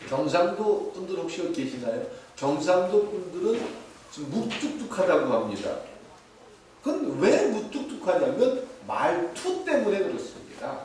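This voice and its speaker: A man preaching a sermon as pastor, lively and playful, mimicking short dialect phrases. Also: sits high, moderate pace. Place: church sanctuary. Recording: echoey, distant, faint hiss.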